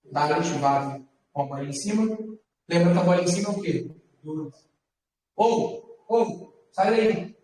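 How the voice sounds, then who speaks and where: A man's voice: high voice, a little mellow, distant mic. Echoey man teaching a class. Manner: patient, repeats words slowly for students. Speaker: Hebrew teacher. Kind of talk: classroom lesson.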